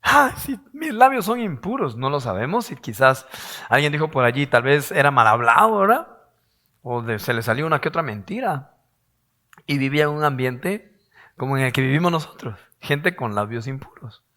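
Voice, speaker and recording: A man preaching a sermon as pastor, his voice hoarse, asking rhetorical questions and acting out quoted voices. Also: mid-range voice, animated, normal speed, pushed and bright.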